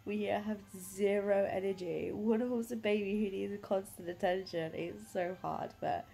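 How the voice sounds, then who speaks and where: A woman's voice: mid-range voice, steady tone, normal speed, vocal fry, warm tone, faint music behind. A young British woman with a badly blocked nose from a head cold, chatting casually and wearily in a phone vlog. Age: 20s to 30s. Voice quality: heavily congested, blocked-nose voice. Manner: weary, self-deprecating. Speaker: vlogger and mother. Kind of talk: casual food diary vlog. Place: small living room, indoors. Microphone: phone at arm's length.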